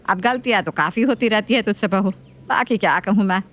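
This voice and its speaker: A woman's voice: fairly bright tone, lightly acted. Woman doing a nagging old mother-in-law. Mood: scolding. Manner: scolding, slow and lower-voiced.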